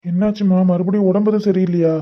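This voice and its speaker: A performer voicing a gentle young husband in a cartoon, with a Tirunelveli Tamil accent, asking anxious, quick questions. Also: mid-range voice, level tone, muffled recording, close to an everyday voice. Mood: worried.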